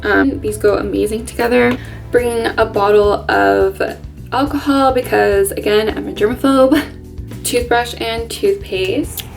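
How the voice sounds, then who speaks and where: A woman's voice: a little high, fairly even intonation, unhurried, creaky, faint music behind. A woman chatting casually and informally to her viewers as a vlogger. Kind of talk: casual vlog chat to viewers.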